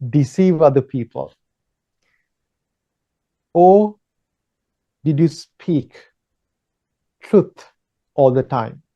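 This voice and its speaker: Male monk giving a gentle, measured talk; slightly high, unhurried, muffled recording. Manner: gentle, repetitive, pausing with fillers. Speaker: Buddhist monk teaching. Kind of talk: slow, measured dharma talk.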